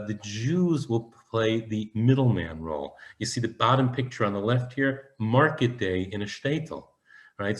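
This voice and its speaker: A man giving an explanatory history lecture over slides, often restarting his sentences and filling pauses. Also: medium pitch. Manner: explanatory, many fillers and restarts. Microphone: webinar presentation.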